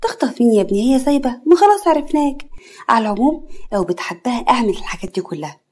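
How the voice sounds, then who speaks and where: A woman's voice: a little high, very animated, very fast, breathy edge. Scolding Egyptian mother, as a woman storyteller puts her on. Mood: exasperated. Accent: Egyptian Arabic. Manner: loud, scolding, exasperated. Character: older mother, sharp-tongued but loving.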